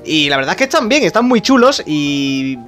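Excitable young man doing game commentary. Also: a little high, moderate pace. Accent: Spain Spanish. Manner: excitable, laughing, animated. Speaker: gaming YouTuber. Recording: faint background music.

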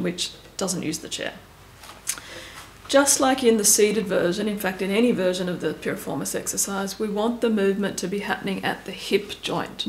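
A woman stretching instructor giving calm, step-by-step cues and counting down holds. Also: mid-range voice, roomy sound, slight background noise, low-quality recording. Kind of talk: guided exercise instruction.

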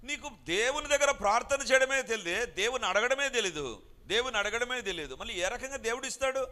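A man's voice: very high voice, expressive, brisk, sharp tone. A man preaching a sermon, emphatic and repeating his phrases, dropping into English lines now and then. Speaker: pastor.

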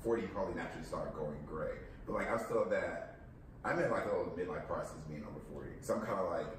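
A man's voice: sits low, fast talker. A man in his forties hosting a casual chat among friends, hesitant, full of likes and trailing phrases. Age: 40s. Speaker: host. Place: living room. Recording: echoey room, distant mic, background hum.

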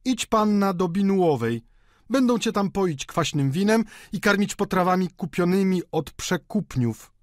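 A man reading an audiobook voices a fretful, wailing middle-aged landlady in a high, pleading voice. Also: big pitch swings, moderate pace, dry recording, clean studio sound. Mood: spiteful.

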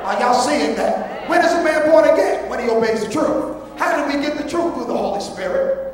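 A man preaching a sermon, prompting a scripture reader and rising into shouted, sing-song emphasis. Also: extremely high pitch, lively intonation, a little fast. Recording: echoey hall from far off.

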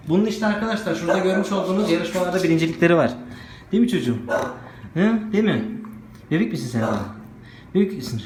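A man vlogging casually and excitedly, cooing baby talk to puppies between remarks to his viewers. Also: high voice. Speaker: vlogger showing dogs. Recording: echoey room with background noise.

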